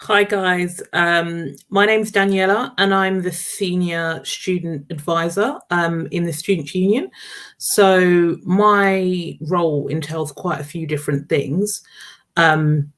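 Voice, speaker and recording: A woman's voice: fairly low pitch, fairly even intonation, takes it slowly, a bit bright. Woman in her thirties, student advisor, friendly casual intro, lots of ums. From Jamaica and Nigeria.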